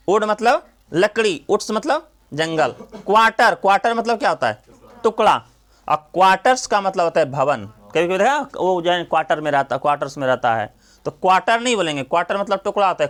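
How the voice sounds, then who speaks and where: A man's voice: high voice, fairly bright tone. A male coaching teacher giving a classroom grammar lesson, drilling students with repeated questions and then answering them himself.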